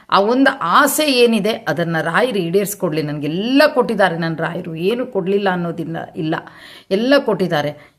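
A woman's voice: fairly low pitch, fairly bright tone. A woman vlogger telling a devotional testimony in an earnest, repetitive way, often calling her listeners "amma". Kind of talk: personal testimony to viewers.

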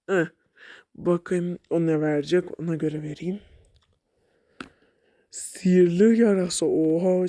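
A game vlogger talks through their play in an unhurried, chatty way, sometimes scolding the game and sometimes muttering under their breath. The voice sits at a middling pitch with a soft, mellow tone. The sound is dry and close. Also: no room sound. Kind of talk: casual gameplay commentary.

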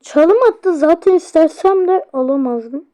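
A woman hosting a gaming channel, giving excited let's-play commentary, crying out and grumbling at the game and talking straight to viewers. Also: very high-pitched, measured pace. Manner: talks to viewers directly.

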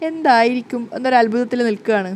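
A woman's voice: on the high side, quick pace, a little mellow, a little hiss or hum. A woman casually retelling a TV serial episode in a chatty style, stringing scenes together with fillers. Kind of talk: casual story recap.

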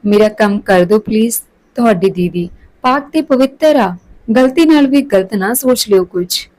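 A woman's voice: mid-range voice, animated, normal speed, darkish tone, lightly acted, rough recording. A woman voicing a sincere young man in love, tender and anxious. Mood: pleading.

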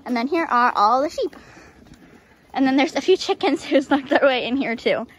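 A teenage girl narrates a farm vlog outdoors among barns and pens, filming on a handheld phone camera. She is chatty and giggly with lots of ums, her high voice animated at a moderate pace. A little hiss or hum is present.

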